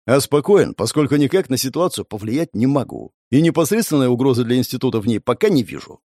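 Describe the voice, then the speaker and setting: A man playing a calm, evasive official. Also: medium pitch, fast, no room sound, clean studio sound. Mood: placating.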